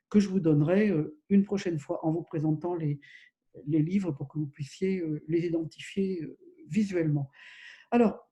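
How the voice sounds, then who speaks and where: A man lecturing on his own to camera, talking in loose, wandering sentences full of fillers and restarts. His voice sits high for a man, with a soft, very dark and mellow tone. It sounds like a casual solo video lesson. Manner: rambling, many fillers and self-corrections. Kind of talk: informal recorded lecture.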